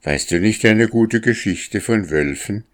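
A man's voice: lowish voice, measured pace, pitched above the performer's own voice, close to an everyday voice. Man doing an eager little boy. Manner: eager questioning. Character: small curious boy, polite and eager.

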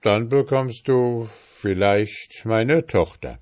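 A man voicing a scheming old king in a storybook reading, speaking in a measured, commanding way. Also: mid-range voice, darkish tone, voice pushed up, close to an everyday voice.

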